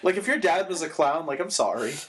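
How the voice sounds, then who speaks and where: Wisecracking co-host with lively pitch. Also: a little hiss or hum. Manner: quick deadpan one-liners. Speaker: podcast co-host. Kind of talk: casual chat.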